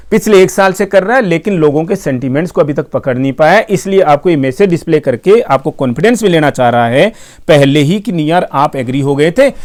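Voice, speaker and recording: Emphatic man explaining tech. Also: on the high side. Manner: emphatic, repeats points, asks and answers own questions. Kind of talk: casual explainer monologue.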